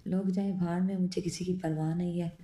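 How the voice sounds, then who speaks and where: A woman's voice: lowish voice, flat delivery, fairly quick, mellow, close to an everyday voice. A woman voicing a cocky young man who mocks and needles, read from a storybook novel. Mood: impatient. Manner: mocking, needling. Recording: roomy echo.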